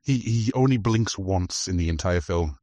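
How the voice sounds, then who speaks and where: Low-voiced man chatting about films. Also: normal speed, dark tone, no room sound, studio quality. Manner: enthusiastic, talks over film scenes. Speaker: podcast host. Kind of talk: casual film commentary chat.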